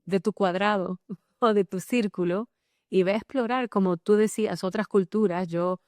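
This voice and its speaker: A Dominican woman of middle pitch talks with warm enthusiasm as an interview guest. Her Dominican accent is clear, and she restarts phrases now and then as her thoughts race ahead. The sound is close and dry, with no room around it. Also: moderate pace, no room sound. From Dominican Republic. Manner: animated and enthusiastic, with fillers and restarts. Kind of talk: casual interview conversation.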